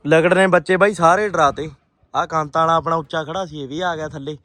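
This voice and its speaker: A man with a fairly high voice narrates a casual vlog as a pigeon keeper. He talks in an animated way and often repeats short phrases for emphasis. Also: fairly quick. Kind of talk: casual outdoor vlog commentary.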